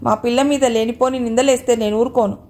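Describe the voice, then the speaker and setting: Woman reading as a grieving mother, pleading, a little high-pitched, audio novel. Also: steady tone, fast talker, a little mellow, close to an everyday voice. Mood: fierce. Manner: pleading, lamenting. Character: grieving widowed mother, fierce.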